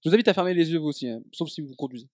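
A man hosting a podcast, leading a casual chat in a quick, playful way. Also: fairly high pitch, animated, no room sound, studio quality. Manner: quick, playful, leads the talk. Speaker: podcast host.

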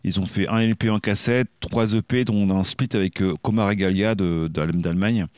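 Low-voiced hesitant French radio host. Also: male voice, steady tone, moderate pace, a little mellow, no echo, studio quality. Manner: hesitant, many fillers and restarts. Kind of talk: casual radio chat presenting music.

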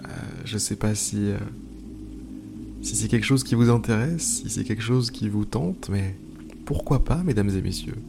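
Low-voiced man guiding meditation over music. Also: creaky. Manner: slow, pausing, repeating phrases, informal. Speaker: guided meditation host. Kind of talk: improvised guided meditation with casual asides. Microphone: speaking into a microphone.

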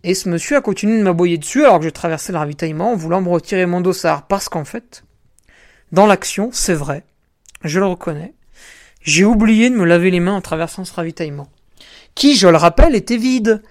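A man's voice: high voice, fairly quick. A man telling a story in a solo podcast, ranting indignantly with crude slang and often turning to the listener. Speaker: podcast host and trail runner.

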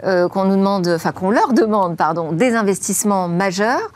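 A woman hosting a tech show, who introduces the topics and guests in a lively, brisk way with some fillers. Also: medium pitch, dry recording. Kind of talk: broadcast show hosting and interviewing.

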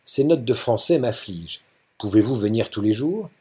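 A man voicing a stern, middle-aged wealthy father who speaks briskly and peremptorily in a storybook reading. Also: medium pitch, expressive, dark tone, husky. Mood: authoritative.

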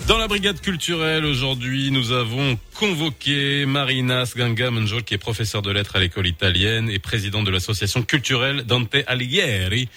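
A man hosting a morning radio show, presenting in a lively, chatty way. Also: medium pitch, a little fast, hardly any pauses, soft background music. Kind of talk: radio chat.

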